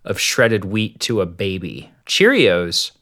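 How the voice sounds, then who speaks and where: A man's voice: lowish voice, very animated, takes it slowly, fairly bright tone. A man co-hosting a casual podcast chat, making wry jokes and swearing casually. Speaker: podcast co-host.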